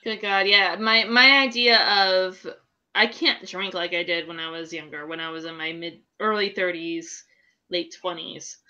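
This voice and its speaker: A woman in her late thirties co-hosts a casual chat podcast over a video call from a home room at night, candid, laughing easily and swearing freely. Her voice is lowish with a sharp tone. It's picked up by a webcam, giving dull lo-fi audio.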